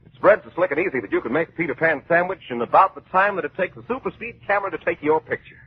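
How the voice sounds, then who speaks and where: A man announcing in vintage radio style, a folksy, enthusiastic pitchman and dramatic story narrator. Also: racing, husky, no echo. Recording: muffled old radio recording.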